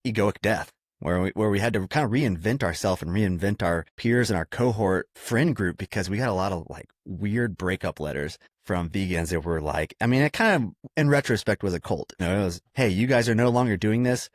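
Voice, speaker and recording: A man's voice: sits low, a little fast, hardly any pauses, dry recording, clean studio sound. A man in casual podcast conversation, telling stories with lots of "like" and "dude" and the odd curse. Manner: animated storyteller, swears casually, says "dude" and "like" often. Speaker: podcast guest, food company co-founder.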